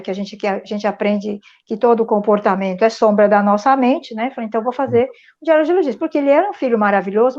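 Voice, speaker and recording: A woman's voice: on the high side, a little mellow. Earnest middle-aged woman on a muffled call. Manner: earnest, reflective, frequent tag questions. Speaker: speaker sharing a testimony. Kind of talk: personal storytelling in an online meeting. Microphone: video call. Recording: muffled lo-fi video call audio.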